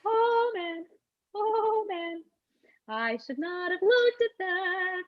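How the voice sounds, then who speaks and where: Woman as squeamish conspiracy-minded friend, high and lively, slow, dull lo-fi sound. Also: full character voice. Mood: queasy. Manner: squeamish, earnest, paranoid. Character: squeamish, paranoid adult friend. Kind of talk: comic stage play.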